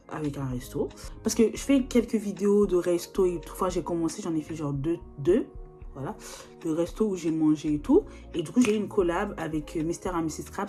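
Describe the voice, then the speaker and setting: A woman's voice: fairly low pitch, a little mellow. A young woman, chatting casually as a vlogger, slangy and full of fillers, recorded on a phone or video call. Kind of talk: casual chat.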